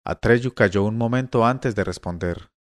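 A man narrating a fantasy novel aloud in a measured, expressive audiobook reading. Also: on the low side, dry recording, clean studio sound.

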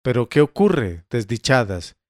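A man's voice: mid-range voice, big pitch swings, unhurried, dry recording. A man voicing a worried older noblewoman, a mother, in a spoken story reading, with a dry sound.

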